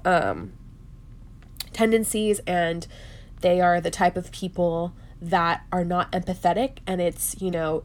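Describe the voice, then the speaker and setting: A woman hosting a solo podcast in an earnest, confiding way, sounding nasal and stuffed up, as if under the weather. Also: mid-range voice. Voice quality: nasal, congested. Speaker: podcast host.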